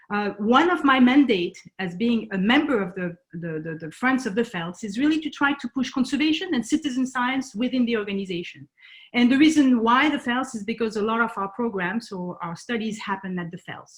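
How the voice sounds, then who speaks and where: Speaking over a video call at an online talk, a nonprofit founder from France presents with a French accent and a fairly high-pitched voice. Her delivery is marked by many hesitations and restarts.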